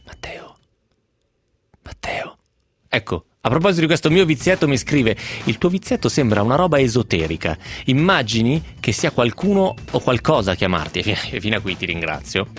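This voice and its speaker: A man hosting a radio programme, reading aloud in an intense, building, expressive way. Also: medium pitch, fast talker, hardly any pauses, a little hiss or hum. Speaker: radio host. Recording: music playing under the voice.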